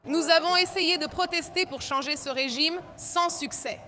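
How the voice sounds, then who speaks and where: A woman from Iran answers a street interview in a high, bright voice. She speaks with blunt passion and does not hold back strong words. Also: normal speed. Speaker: interviewed protester.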